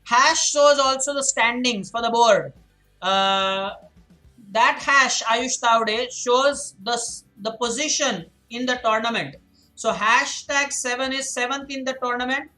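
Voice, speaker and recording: A man's voice: extremely high pitch, slow pace, pushed and bright, faint music behind, low-quality recording. A male chess coach giving a live-stream lesson, explaining moves, correcting students by name, repeating his points and answering the chat. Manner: repeats points to drill them in; reads the chat aloud and answers it.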